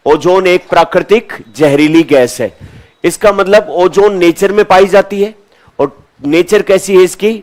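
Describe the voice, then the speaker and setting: High-voiced man teaching a lesson. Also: measured pace. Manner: asks questions and answers them himself, repeats key terms. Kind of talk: classroom lecture.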